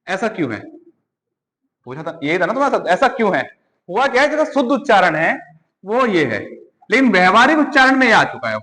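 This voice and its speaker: A man's voice: high-pitched, a bit bright. A man teaching a class, quizzing students and repeating the answers. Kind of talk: classroom lecture. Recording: hall reverb.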